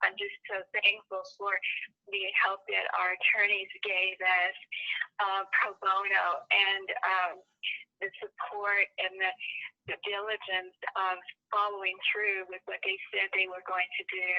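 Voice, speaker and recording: A woman in her seventies, a retired tenant plaintiff, speaking softly and steadily at a press conference over the phone. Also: medium pitch, monotone, measured pace. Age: 70s. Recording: muffled phone line.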